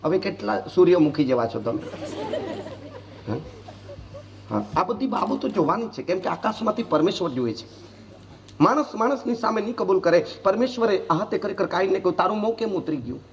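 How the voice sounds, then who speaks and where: A male pastor from Gujarat preaching a sermon, firing questions at the congregation and moving between low asides and sudden shouts. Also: a little fast, pauses often, a little hiss or hum. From Gujarat, India. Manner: lively preaching, quizzing the congregation with "Hallelujah" and "Hey?". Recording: distant mic with loud room ambience.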